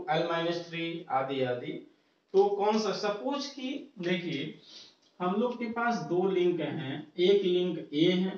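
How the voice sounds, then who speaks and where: A male engineering teacher giving a classroom lecture, counting through an example step by step and mixing English technical terms into his talk. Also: high voice. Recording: far-off, roomy, muffled lo-fi sound.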